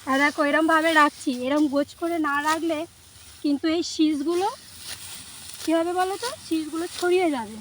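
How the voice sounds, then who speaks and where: A woman's voice: high voice, fairly quick, fairly bright tone, slight background noise. A young woman talks straight to her viewers in a casual, chatty way while she cuts rice. She is recorded outdoors in an open field on a phone camera, and faint rural sounds and birds come through behind her. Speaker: vlogger. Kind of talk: casual vlog narration. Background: faint rural outdoor ambience, birds.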